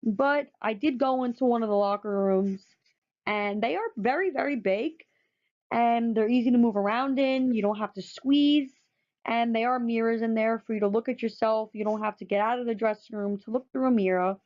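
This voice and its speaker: A woman's voice: on the high side, moderate pace, a little mellow. A woman narrating a photo presentation, enthusiastic and often repeating words for emphasis. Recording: dull lo-fi recording.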